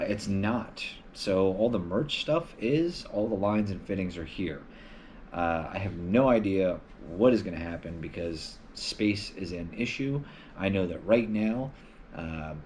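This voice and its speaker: A man's voice: sits low, lively intonation, a little slow, darkish tone, a little hiss or hum. A man hosting a casual live stream from home, answering viewer questions in a loose, rambling way with lots of filler words.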